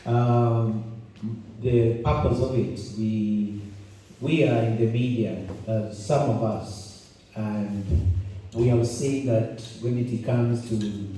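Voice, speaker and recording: A Kenyan man opens a conference as its host, an event host and journalist, with a chatty, joking delivery full of restarts. His voice sits on the low side, with fairly even intonation and a slow, mellow quality. He's recorded far from the mic in a roomy conference hall, with a little hiss or hum.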